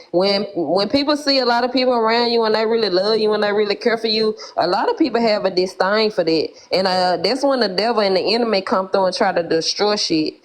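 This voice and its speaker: A woman from Memphis with a Memphis Southern accent, a guest on a casual live stream, talking in a preachy, emphatic way. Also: mid-range voice. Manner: preachy, emphatic, laughs often.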